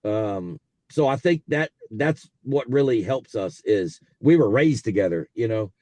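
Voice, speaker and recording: Behind the wheel and on speakerphone, a man in his forties with a South Texas accent rambles through casual stories as a guest in an interview about his racehorses. The recording is dry, and his medium-pitched voice is mellow, expressive and unhurried, loaded with fillers in an easygoing way.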